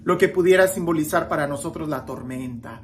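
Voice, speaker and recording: A woman reading the gospel and giving a reflective homily, slow and expressive, with dramatic emphasis and small restarts. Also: deep voice, a little hiss or hum. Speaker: preacher.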